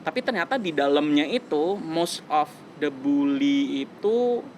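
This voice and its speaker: A man's voice: a little high, lively intonation, unhurried, darkish tone, slight background noise. A man in his twenties, a musician guest, talking earnestly and reflectively in a casual interview, slipping in English phrases. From West Java, Indonesia. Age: 20s.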